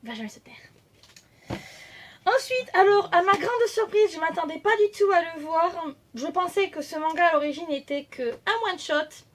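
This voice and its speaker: Une jeune femme vloggeuse qui bavarde avec beaucoup d'hésitations et d'autocorrections, filmée au téléphone. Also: female voice, extremely high pitch, normal speed, few pauses, slight background noise. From France. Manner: chatty, hesitant, many fillers and self-corrections. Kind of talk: casual chat. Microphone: phone camera.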